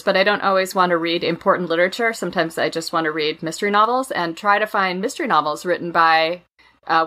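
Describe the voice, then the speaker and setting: A woman co-hosting a casual political podcast, with a bright, clear tone. She talks quickly and emphatically, laughing easily. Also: lowish voice. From Maryland. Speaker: podcast co-host. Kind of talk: casual political debate chat.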